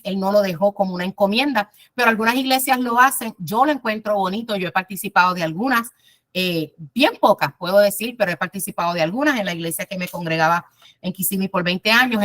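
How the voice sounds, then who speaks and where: Woman, Bible class teacher, conversational storytelling, talks to listeners, mid-pitched voice. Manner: warm storytelling, addresses listeners directly, frequent "eh" pauses.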